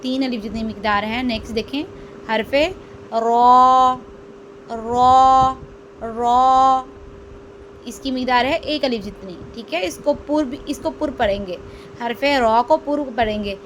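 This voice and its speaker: A woman teaching Quran reading in a slow step-by-step lesson, drawing out each letter sound and answering her own questions. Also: on the high side, lo-fi sound, slight background noise. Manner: drills letters aloud, drawn out and stressed; asks questions then answers them herself.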